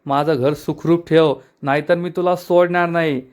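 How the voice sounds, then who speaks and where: A man voicing a loud, quarrelsome village aunt in a serial recap, reading her scolding lines in his own voice. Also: a little high, fairly even intonation, normal speed, clean tone, lightly acted. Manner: scolding, shouting.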